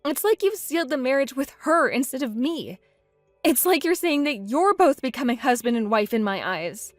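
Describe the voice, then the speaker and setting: A woman's voice: high-pitched, sing-song, moderate pace, dry recording, studio quality, soft background music. A woman voicing a hurt, indignant young bride in a text-message story, speaking in an upset, pleading way.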